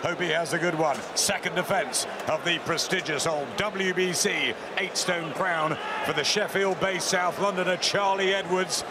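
A man's voice: high-pitched, recorded from a distance. A man giving live boxing commentary as the lead commentator. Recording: loud arena noise behind. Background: noisy arena ambience.

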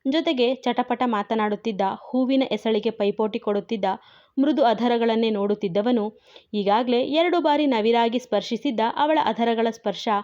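A woman narrating a romance serial in an even, measured reading voice, in a dull lo-fi recording. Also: on the high side.

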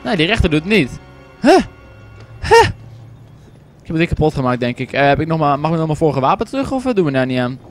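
Excitable young man doing game commentary. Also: fairly high pitch, quick pace, pauses often, soft background music. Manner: excitable, swearing, joking, shouts at the game. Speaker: gaming commentator. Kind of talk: casual let's play commentary.

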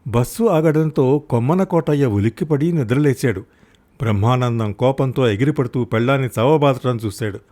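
A man's voice: normal speed, mellow. A man reading a village story aloud as an audiobook storyteller, acting out the characters in turn. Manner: voices characters with raised pitch and volume. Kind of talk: dramatic audiobook narration.

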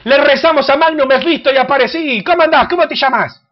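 A host with an Argentine accent, brashly teasing and shouting insults at strangers in a crude comedic video chat. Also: sits high, fast. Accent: Argentine Spanish. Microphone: computer webcam mic. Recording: dull lo-fi webcam audio with faint hiss.

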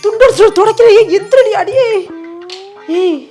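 A woman's voice: extremely high pitch, normal speed. A woman playing a distraught mother, wailing and scolding her daughter. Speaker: mother in a comedy skit. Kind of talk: comic acting. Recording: loud music behind.

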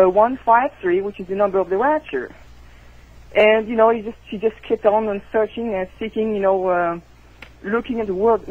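Over a tinny phone connection, a French-accented woman who speaks French natively joins a radio interview as a guest author. She talks in a mid-range voice, eager and sincere as she explains her points.

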